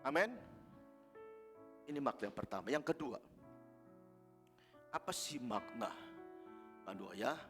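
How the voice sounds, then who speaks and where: Animated male pastor. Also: medium pitch, slow, long pauses, soft background music. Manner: animated, swinging between loud and hushed. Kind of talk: sermon with storytelling.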